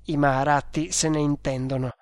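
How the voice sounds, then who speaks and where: A reader voicing a loyal, cunning male servant who speaks with calm, firm assurance in a dramatic audiobook. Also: mid-range voice, brisk, no echo, studio quality, natural voice. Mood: menacing.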